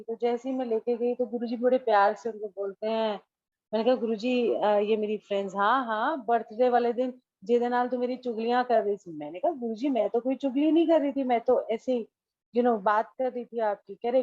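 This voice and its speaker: A woman's voice: on the high side, mellow, no room sound, highs cut off. A woman tells a devotional story casually and with feeling, mixing in English phrases and acting out the dialogue. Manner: mixes English phrases into Hindi; emotional, storytelling with quoted dialogue. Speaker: devotee sharing a testimony. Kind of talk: casual spoken testimony.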